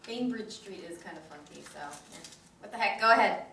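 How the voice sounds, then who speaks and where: A woman's voice: medium pitch, animated, normal speed, creaky, a bit bright. A woman playing an anxious, playful young woman in love in a live stage play. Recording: roomy stage, mic far off.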